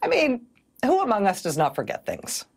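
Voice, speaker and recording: Wry, husky-voiced woman news host. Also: mid-range voice, wildly swooping pitch, normal speed, darkish tone. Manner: wry, sardonic, often laughing mid-sentence. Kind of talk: televised political commentary.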